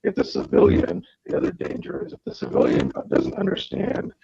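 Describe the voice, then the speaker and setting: A man's voice: lowish voice, huge pitch swings, fairly quick, vocal fry, mellow, breathy edge, lo-fi sound. A man talking through legal questions over a wireless headset whose audio keeps distorting and cutting out, hedging and restarting as he thinks aloud. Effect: fuzzy distorted audio that cuts out. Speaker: guest legal commentator. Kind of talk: casual legal discussion on a podcast. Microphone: built-in wireless headset over a video call.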